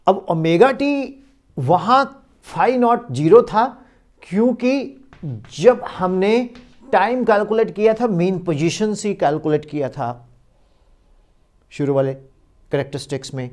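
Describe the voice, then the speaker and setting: A male physics teacher giving a recorded lecture, dictating definitions slowly and mixing Hindi and English. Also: high-pitched, a little mellow.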